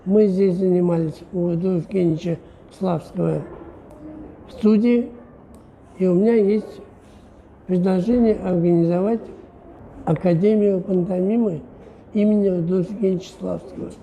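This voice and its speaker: A man's voice: high voice, fairly even intonation, normal speed, creaky, pauses often, lo-fi sound, slight background noise. A man, a mime artist, tells a story in an interview and acts out the quoted dialogue.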